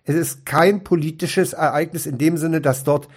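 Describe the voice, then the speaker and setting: A man's voice: on the high side, steady tone, normal speed, slightly rough. A man talking as a guest in a casual group podcast, firm and opinionated in short remarks.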